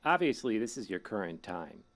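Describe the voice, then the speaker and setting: Man acting as low-voiced casual hacker guide. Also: very animated, normal speed, a bit bright. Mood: instructive, casual. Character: male hacker guide to the deep web, casual and ominous. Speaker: game tutorial narrator. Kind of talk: scripted tutorial narration in a horror game.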